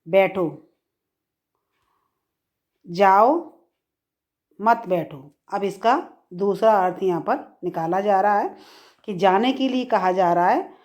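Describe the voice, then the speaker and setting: Woman, middle-aged Hindi teacher, unhurried delivery, lifts her voice for verse examples. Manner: slow, deliberate explaining, repeats key phrases; recites verse examples higher and louder. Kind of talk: grammar lesson.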